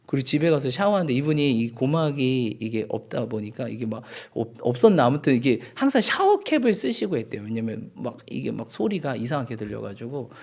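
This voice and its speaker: Gravelly-voiced male pastor preaching. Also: mid-range voice. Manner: storytelling with repeated rhetorical questions to the congregation; swings between loud exclamations and hushed, near-whispered lines. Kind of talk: sermon. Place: church sanctuary.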